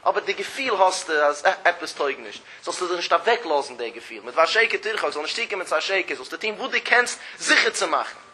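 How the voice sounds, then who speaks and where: Male religious teacher, high keen voice; recites text lines, then explains them with lively emphasis. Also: brisk. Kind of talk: traditional religious text lecture.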